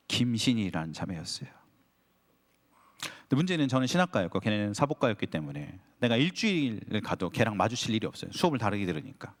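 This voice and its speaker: A man, a pastor, preaching a sermon to a young adults' service, acting out his own prayers with animated storytelling and putting direct questions to the congregation. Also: fairly low pitch. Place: church sanctuary. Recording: long hall reverb.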